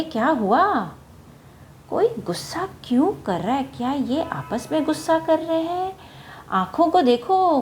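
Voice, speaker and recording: A woman telling a story to children in an animated way, often asking her young listeners questions. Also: fairly high pitch, a little hiss or hum.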